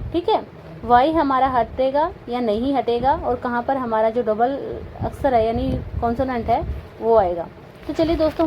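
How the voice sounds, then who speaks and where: A woman with a fairly high voice teaches a spoken grammar lesson, spelling out each word letter by letter and asking her own rhetorical questions. Faint traffic hums in the background. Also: dull audio. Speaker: English teacher.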